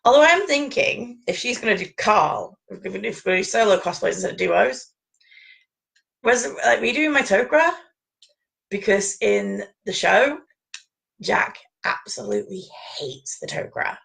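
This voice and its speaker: A woman chatting casually as a podcast co-host. Her voice is strongly creaky and gravelly, and she rambles from one point to the next, laughing often. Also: mid-range voice, big pitch swings, a little slow, fairly bright tone. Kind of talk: casual chat about fan conventions.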